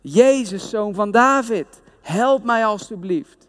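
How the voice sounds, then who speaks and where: A man's voice: high-pitched, slow pace, a little mellow. A man voicing a blind beggar who cries out and pleads for help, in a hall with long reverb. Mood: pleading.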